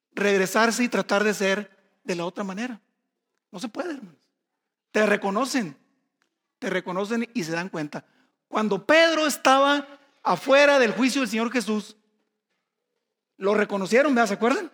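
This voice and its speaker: A man's voice: very high-pitched, fairly bright tone, in a large hall. A man preaching a sermon, telling personal stories and reading scripture, calling the congregation brothers and asking them rhetorical questions. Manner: folksy personal storytelling. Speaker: pastor.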